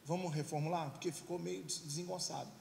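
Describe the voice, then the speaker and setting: A middle-aged pastor preaches an emphatic sermon, leading the congregation in call-and-response. His voice is slightly high, creaky and quick, with fairly even intonation, recorded in a reverberant church hall with faint hiss.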